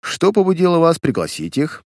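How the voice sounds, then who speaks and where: A man voicing a calm adult detective who speaks dryly and curtly in a storybook reading. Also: fairly high pitch, normal speed, no room sound, voice pushed up. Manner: calm, dry and curt. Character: calm, dry-spoken adult male detective.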